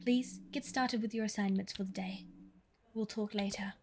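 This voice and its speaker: A woman voicing a gruff senior male doctor in a put-on Texas accent, lecturing slowly and sternly. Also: medium pitch, steady tone, a little hiss or hum, natural voice. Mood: dismissive.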